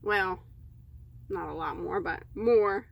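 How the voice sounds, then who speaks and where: A woman's voice: fairly low pitch, slow, creaky, highs cut off. A woman crochet vlogger chatting casually as she unboxes yarn, easily delighted and rambling in asides.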